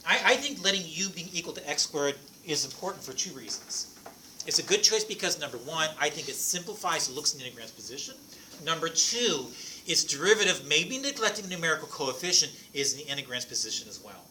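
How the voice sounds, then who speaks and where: A math instructor whose first language is French gives a lively, playful lecture, quizzing the class as his pitch swings up and down and speaking a little fast. He's captured from a distance in an echoey classroom over steady background noise.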